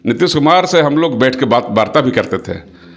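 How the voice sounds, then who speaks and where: A middle-aged man, a local politician, speaking forcefully to the press and repeating phrases for emphasis. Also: mid-range voice, lively intonation, moderate pace. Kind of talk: impassioned political speech to press.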